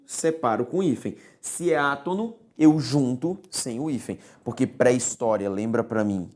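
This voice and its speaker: A woman's voice: sits low, mellow. A woman teacher giving a recorded grammar lesson, explaining step by step and checking in with her students. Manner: didactic, repeats key words, checks in with "tudo bem?".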